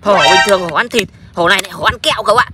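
A woman in playful pretend play with toys, boasting like a little hero with excited exclamations. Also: mid-range voice, rapid-fire, loud music behind the voice. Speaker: toy play video host. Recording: loud noise and crowd behind.

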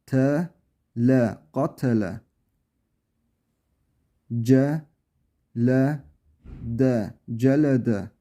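A man's voice: mid-range voice, mellow. A man teaching a reading lesson, sounding out syllables one by one and then blending them, with patient short explanations. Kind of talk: slow spelling drill lesson.

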